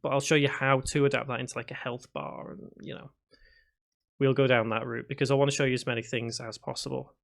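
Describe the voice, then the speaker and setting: A game development tutor with a faded Scouse accent, from the Liverpool area of England, chats casually with viewers on his livestream and answers their comments. His mid-range voice moves fast and has vocal fry. He mumbles to himself as he works.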